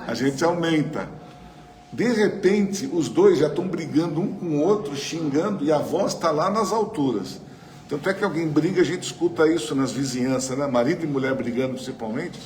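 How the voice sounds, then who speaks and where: A man's voice: medium pitch, a little mellow. A man with a Brazilian Portuguese accent leading a spiritual study group, talking conversationally into a microphone and often asking the room questions. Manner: chatty, asks the audience questions, frequent tag questions. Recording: roomy hall with faint noise.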